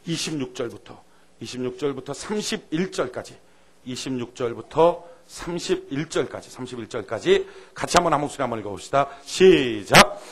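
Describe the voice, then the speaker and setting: A man preaching a sermon as a pastor, dramatic, swinging from loud outbursts to hushed asides and leading the congregation in call-and-response. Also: medium pitch, animated, normal speed.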